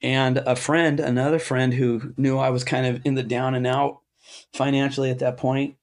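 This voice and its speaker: Man, interview guest, mid pitch, rambles and restarts, lively when quoting others. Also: normal speed. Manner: rambling, with many restarts and asides. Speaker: interview guest, amp builder. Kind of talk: casual storytelling interview.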